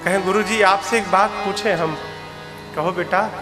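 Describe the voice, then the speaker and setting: A katha preacher, a man with a high voice and fairly even intonation at normal speed, tells a religious story as a sermon, acting out dialogue between figures and breaking into song. He's on a stage microphone in a large, echoey hall with live instrumental backing.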